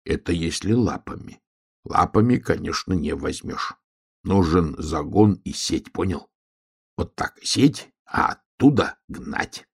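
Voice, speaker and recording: A man voicing a slow, gentle, soft-spoken bear cub in a children's storybook reading. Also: sits low, expressive, creaky, slightly rough, full character voice. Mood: soft, pleading.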